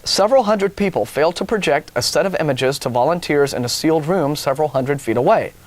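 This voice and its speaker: This American talk show co-host reads news stories in a TV studio, adding offhand remarks that are wry and mocking. His voice runs a little high, and there's no room sound.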